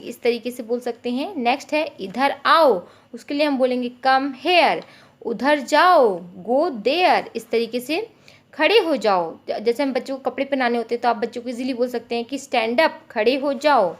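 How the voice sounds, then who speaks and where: A woman giving a friendly, explanatory home tutorial for parents, acting out little phrases said to a child. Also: fairly high pitch. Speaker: parenting teacher. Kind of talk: informal Hindi tutorial.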